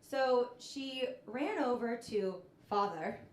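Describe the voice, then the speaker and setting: A woman in her thirties works a club crowd with a stand-up set, her voice sitting a little high. She takes her time with each line and lands punchlines flatly. The room around her rings with echo. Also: slow. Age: 30s. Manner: deadpan storytelling with punchlines. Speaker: stand-up comedian. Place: comedy club stage with laughing audience.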